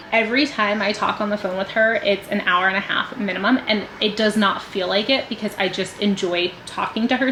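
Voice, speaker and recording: A woman in her thirties chatting casually to camera for her vlog, rambling with lots of filler words and sounding stuffy from a cold. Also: medium pitch. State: congested from a cold. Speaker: vlogger. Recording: echoey room with loud background noise.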